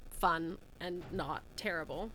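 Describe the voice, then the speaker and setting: A woman co-hosting a casual book chat, her voice croaky and congested from a cold, retelling things informally. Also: fairly low pitch, takes it slowly, fairly bright tone, a little hiss or hum, low-quality recording. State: has a cold. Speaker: podcast co-host.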